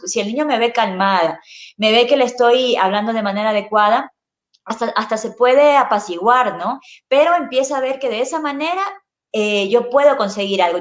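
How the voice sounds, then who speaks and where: Woman, child neuropsychologist, patient explaining, slightly high pitch, echoey room. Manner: patient, explains with rhetorical tags. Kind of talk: explanatory interview answers.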